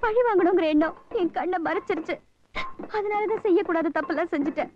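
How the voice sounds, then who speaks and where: An actress playing a repentant young village wife in a Tamil film melodrama, pleading tearfully with a Tamil accent. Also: female voice, very high voice, fairly quick, slight background noise. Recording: dull film audio with loud music.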